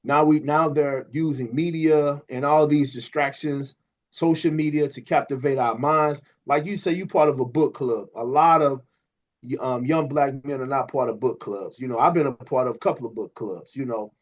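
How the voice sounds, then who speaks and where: A man co-hosting a podcast, talking in an animated, preachy way to a guest and stumbling over repeated words. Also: medium pitch, normal speed. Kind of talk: casual podcast conversation. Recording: slightly dull lo-fi audio.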